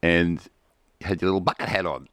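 Low-voiced, dryly grumbling Australian man, echoey. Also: fairly quick, a bit bright, clear, resonant tone. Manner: dry, grumbling banter. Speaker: podcast co-host. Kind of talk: casual comedic chat. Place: outdoors at a breakfast area by a pool.

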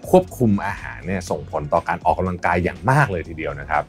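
A man's voice: low-pitched, fast talker, soft background music. A man hosting a podcast, politely interviewing and explaining health advice in a conversational way. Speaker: podcast host.

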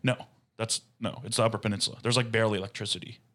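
A young man from Michigan co-hosting a casual podcast chat, joking in a deadpan way and swearing casually. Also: lowish voice, rapid-fire. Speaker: podcast co-host.

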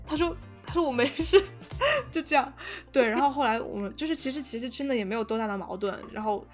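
A young woman telling a story in casual chat, animated and full of fillers and restarts. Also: a little high, quick pace, soft background music. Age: young adult. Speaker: podcast guest storyteller.

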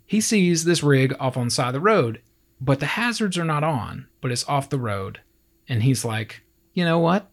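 A man co-hosting a true-crime podcast in a loose, chatty way. His pitch swings widely as he tells the story, and he jumps into voices for the people in it. He laughs easily and keeps it conversational. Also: animated, moderate pace. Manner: acts out quoted people with raised voices, laughs often. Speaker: podcast co-host.

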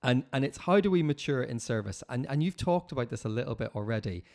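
A man's voice: medium pitch, lively intonation, fast talker, gravelly, a little mellow. A man hosts a casual interview in an encouraging way, often repeating himself in short phrases. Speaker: podcast host.

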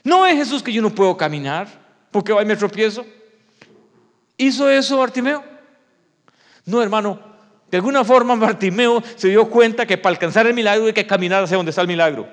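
High-voiced preacher in a reverberant hall. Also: male voice, animated, brisk, pauses often. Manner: dramatic, acts out the story, swings from shouting to hushed. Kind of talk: sermon.

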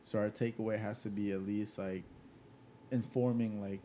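A man's voice: on the low side, steady tone, normal speed, mellow, slight background noise. A young man co-hosting a casual chat, rambling and often checking that he is understood. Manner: rambling, repeats "like" and "you know what I mean". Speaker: podcast co-host.

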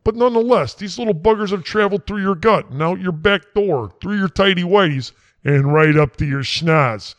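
A man's voice: sits high, normal speed, few pauses, no room sound, close to an everyday voice. A man playing a blustering, folksy quack doctor, rambling in a comedy sketch. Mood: lecturing. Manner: rambling, brash, folksy slang.

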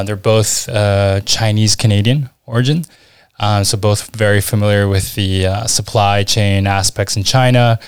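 Low smooth-voiced American man. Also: no echo, clean studio sound. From Washington, D.C. area, USA. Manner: relaxed, chatty, frequent ums and uhs. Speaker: guest, e-commerce manager. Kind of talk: casual interview chat.

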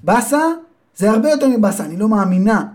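A man voicing an indignant, scolding mother in a children's Bible story, in a high, loud voice. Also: expressive. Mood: outraged. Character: shrill scolding mother of biblical era.

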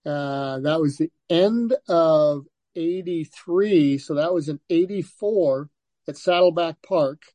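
An older man who used to race motocross tells stories as a guest in a casual interview, relaxed and full of restarts and "you know." His voice is fairly high-pitched and slow, in a dry recording.

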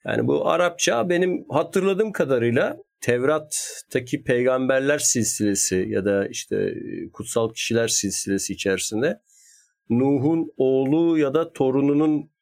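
A man's voice: medium pitch, lively intonation, normal speed, vocal fry, darkish tone. A man in casual conversation, explaining history at length in a thoughtful, hedging way. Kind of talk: casual chat.

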